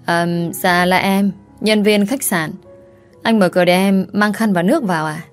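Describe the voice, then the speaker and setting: A woman's voice: mid-range voice, fairly even intonation, moderate pace, soft background music, natural voice. A woman voicing a polite, hesitant hotel employee. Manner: hesitant, deferential.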